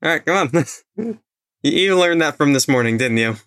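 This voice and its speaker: A man's voice: fairly high pitch, animated, normal speed, fairly bright tone, no room sound, clean studio sound. A man playing a tabletop game, earnest and considerate with his character's companion. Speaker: player. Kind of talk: casual tabletop play.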